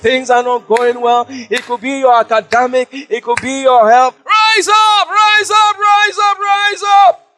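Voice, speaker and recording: A man preaching an impassioned sermon, shouting much of it. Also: very high-pitched, unhurried, faint music behind.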